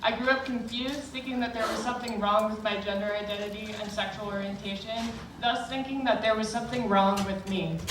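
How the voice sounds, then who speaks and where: A woman from Miami reading a prepared public comment at a meeting in a steady, earnest way. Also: mid-range voice. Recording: echoey hall, from far off, noisy.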